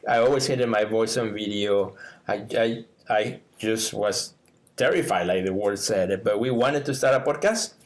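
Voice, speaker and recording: A middle-aged Mexican man, a native Spanish speaker with a Mexican Spanish accent, co-hosts a podcast. His voice is on the low side at normal speed, and he's lively and casual, laughing often and using lots of fillers.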